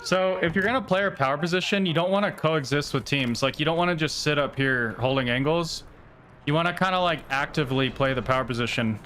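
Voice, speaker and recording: A man's voice: on the high side, quick pace, a bit bright, slight background noise. Casual cursing male game streamer. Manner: casual, frustrated gamer slang with frequent swearing. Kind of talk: live gameplay commentary.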